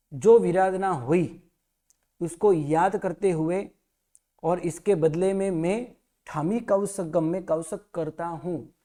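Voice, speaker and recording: Slow, mellow man teaching recitation. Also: sits high. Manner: pronounces each syllable slowly and corrects mistakes. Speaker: Jain religious teacher.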